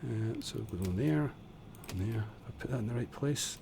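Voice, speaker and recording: This man's voice is fairly low, creaky and mellow, animated in delivery at a moderate pace, with a little hiss or hum present. He's casually chatting through a building-game live stream at home, muttering while he works and joking at his own expense, using a desk condenser microphone.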